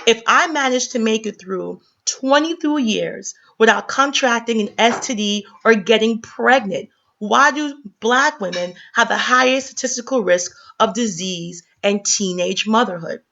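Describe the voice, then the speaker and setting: A woman's voice: on the high side, lively intonation, unhurried, hardly any pauses, a bit bright. A woman from the Caribbean giving heated opinion commentary in a vlog, lecturing her viewers with many fillers and restarts. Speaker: commentary vlogger. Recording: dull lo-fi sound.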